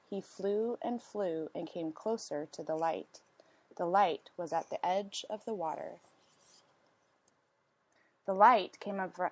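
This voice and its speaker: A woman reading a storybook aloud as narration, with expressive, deliberate phrasing and questions to her listeners. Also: fairly low pitch. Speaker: storyteller reading a picture book.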